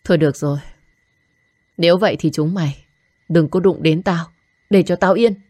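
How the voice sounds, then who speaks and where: Woman doing a tough market girl, coarse and bitter, low voice, dry. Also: a little mellow, no echo, natural voice. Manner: harsh, coarse, fast.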